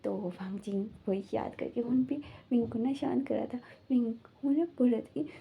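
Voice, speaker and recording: Brief: woman storyteller, fairly high voice, loose and chatty, on a dull lo-fi recording. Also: normal speed, creaky. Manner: chatty, loose narration full of fillers. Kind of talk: casual fan-fiction retelling.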